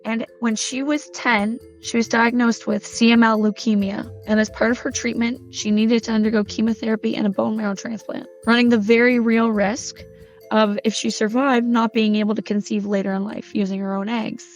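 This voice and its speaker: A woman with a hoarse, croaky, slightly squeaky voice, chatting enthusiastically through a podcast intro. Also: flat delivery, normal speed. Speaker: podcast host. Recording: dull lo-fi sound with soft music. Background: faint background music.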